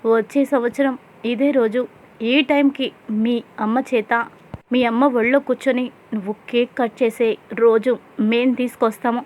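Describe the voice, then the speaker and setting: A woman voicing a determined young wife who makes a slow, emphatic promise to a child. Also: on the high side, fairly even intonation, a little mellow, close to an everyday voice. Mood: resolute. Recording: dull lo-fi sound.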